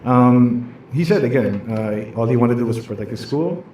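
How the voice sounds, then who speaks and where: A man's voice: mid-range voice, expressive, moderate pace, a little mellow, very echoey, lo-fi sound, a little hiss or hum. A man from the Philippines, a chef, chatting casually in an interview and telling stories with frequent laughs. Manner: chatty, laughs often, storytelling.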